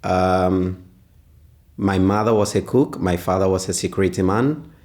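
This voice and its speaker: A man, answering interview questions as a father, pausing often and searching for words. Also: low-pitched, steady tone, a little mellow. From Ghana. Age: 20s. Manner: hesitant, pauses often with "uh".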